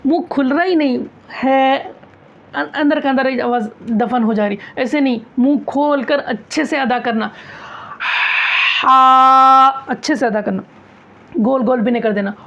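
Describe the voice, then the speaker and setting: A woman's voice: high-pitched, moderate pace. A woman teaching a recitation class, asking questions, answering them herself and repeating key phrases. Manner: demonstrates sounds aloud, loud and drawn out. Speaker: tajweed teacher. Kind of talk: classroom lesson on Quran recitation. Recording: dull lo-fi classroom recording.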